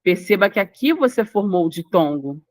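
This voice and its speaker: A Brazilian woman teaches grammar for exams in a patient, explanatory way, repeating example words and checking in with her listeners. Her voice sits at an ordinary pitch and is recorded close and dry, with no room sound. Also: expressive, moderate pace, a little mellow, dry recording. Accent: Brazilian Portuguese. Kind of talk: recorded grammar lesson for exam prep.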